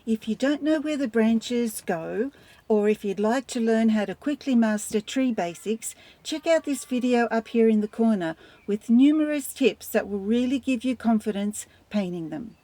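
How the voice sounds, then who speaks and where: Woman, gentle painting instructor; relaxed, soft-edged tone, close dry sound, tutorial delivery. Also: a little high, moderate pace, no echo. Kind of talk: step-by-step painting tutorial narration.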